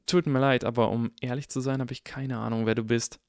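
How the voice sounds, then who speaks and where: A man voicing an eager, bookish eleven-year-old boy wizard who talks fast and flatters nervously, in an audiobook. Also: mid-range voice, no echo, clean studio sound, pitched above the performer's own voice, lightly acted. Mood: earnest. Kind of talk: audiobook character voice.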